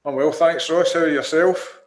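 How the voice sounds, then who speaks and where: A man's voice: a little high, fairly even intonation, moderate pace. Dry man in a roomy space. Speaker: podcast panelist. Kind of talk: casual chat.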